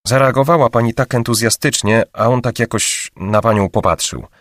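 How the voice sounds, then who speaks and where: A man reading in a lighter, hushed voice for a timid, anxious female client. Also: medium pitch, normal speed, dry recording, studio quality, pitched above the performer's own voice, natural voice. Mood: embarrassed. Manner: hushed, hesitant.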